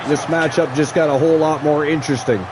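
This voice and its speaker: A man's voice: fairly high pitch, fairly even intonation, fast, noisy background. A man doing lucha libre play-by-play as a wrestling announcer, drawing out key words for emphasis. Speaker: wrestling commentator.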